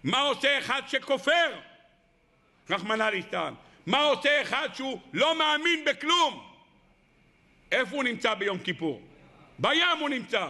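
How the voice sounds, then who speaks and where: A man's voice: extremely high pitch, sing-song, sharp tone. A male rabbi giving an impassioned sermon, telling stories and acting out the voices in them.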